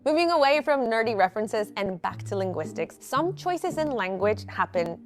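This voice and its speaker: A woman narrating a scripted science explainer in a bright, conversational way. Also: on the high side, sing-song, normal speed. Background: music.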